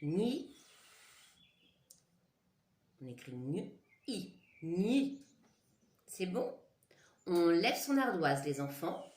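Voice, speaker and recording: A woman teacher dictates syllables to young children at a careful, drawn-out pace, her pitch rising and falling with lively emphasis. Her voice sits on the low side for a woman. She is picked up by the camera in a roomy, echoing classroom. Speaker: primary school teacher. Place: classroom with a board. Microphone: camera mic.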